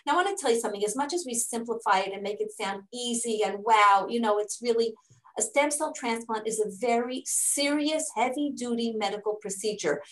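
A middle-aged native English speaker living in Israel, who directs fundraising for a charity, explains its work in an interview through earnest, step-by-step answers broken by frequent restarts. She speaks briskly in a voice on the high side. The room echoes, and the recording quality is low.

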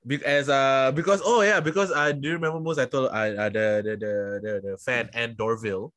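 A man's voice: mid-range voice, steady tone, a little fast, fairly bright tone, no echo. Joking Singaporean man hosting a podcast. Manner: loose, joking, trails off and restarts. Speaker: podcast host and comedian. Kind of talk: casual podcast banter.

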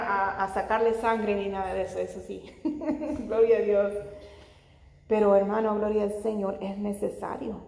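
A woman's voice: medium pitch, gravelly, darkish tone. A middle-aged woman preaching a sermon, punctuating her phrases with "glory to the Lord" and rising to fervent emphasis. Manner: repeats "gloria al Señor" between phrases, rising to fervent emphasis. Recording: echoey hall, long reverb.

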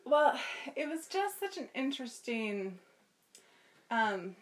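Casting: woman, slightly high voice, conversational podcast guest, informal and animated storyteller. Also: takes it slowly. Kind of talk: casual chat.

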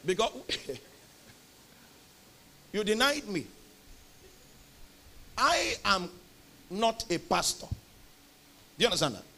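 High-voiced Nigerian man preaching emphatically. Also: very animated, slow pace, long pauses. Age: young adult. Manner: emphatic, rising to loud bursts on key words. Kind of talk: sermon.

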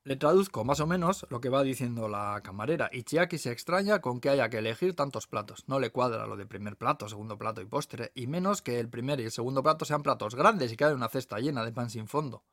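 A man's voice: medium pitch, a little fast, few pauses, no echo, studio quality. Spanish man reading his own memoir. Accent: Peninsular Spanish. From Basque Country, Spain. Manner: warm storytelling, wry asides. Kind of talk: audiobook narration of a memoir.

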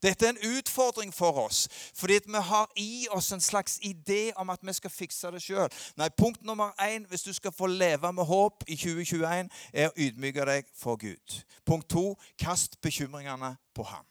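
A middle-aged man preaching a sermon, swinging between loud emphatic peaks and low quiet asides. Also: few pauses, smooth, no room sound, clean studio sound. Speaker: pastor.

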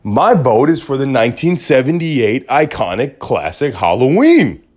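A man hosting a podcast, talking in a rambling, joking casual monologue with big swings in pitch. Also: sing-song, unhurried, darkish tone. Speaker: podcast host.

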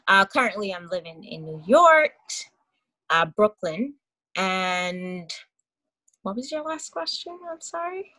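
A woman's voice: mid-range voice, big pitch swings, takes it slowly, pushed and bright. A Barbadian woman in her forties, a hockey player, chatting casually in an interview and laughing easily.

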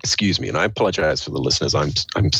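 Deep, froggy-voiced man with a cold. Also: expressive, very fast, fairly bright tone, breathy edge. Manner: explains step by step, posing questions to himself. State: hoarse with a cold, clearing throat. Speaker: interview guest, official of a state energy authority. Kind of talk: conversational interview explanation.

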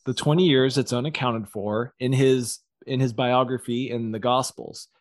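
A man co-hosting a podcast, pitching a story in a rambling, slangy, casual way. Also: steady tone, normal speed, no echo, clean studio sound. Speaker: podcast co-host. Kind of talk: casual brainstorming chat.

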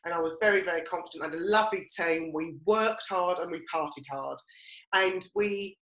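Echoey, lower-pitched middle-aged Essex woman. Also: brisk, fairly bright tone. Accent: Essex English. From Romford, Essex, England. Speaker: podcast co-host. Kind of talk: conversational personal storytelling. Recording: roomy, echoey sound.

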